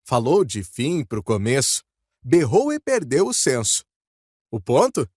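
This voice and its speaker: A man reciting a rhyming poem in an expressive, lilting reading. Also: medium pitch, unhurried, breathy edge, no echo, studio quality. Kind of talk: poetry recitation.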